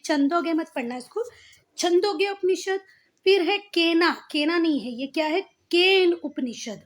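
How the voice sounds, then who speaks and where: A woman teacher giving a lesson in a casual, repetitive style, calling her pupils "beta" and making them say each term again. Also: very high-pitched. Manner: talks to pupils as "beta" and "bhaiya", repeats and drills words. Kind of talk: classroom lesson with board writing.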